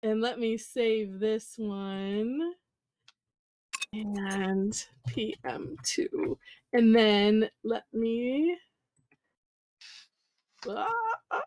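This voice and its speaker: The Michigan host of a casual online drawing class speaks from home on a video call with a voice on the high side and a darkish tone. She chats away, somewhat scattered, exclaiming often.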